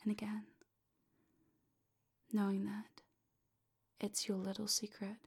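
Woman, hypnosis guide: husky, flat-toned whisper, soft and commanding. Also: mid-range voice, slow. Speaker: hypnosis audio creator.

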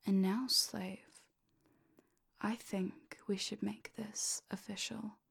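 A woman talking in a soft, slow, commanding whisper as she guides a listener through a hypnosis roleplay. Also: medium pitch, level tone, vocal fry, husky. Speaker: hypnosis audio creator.

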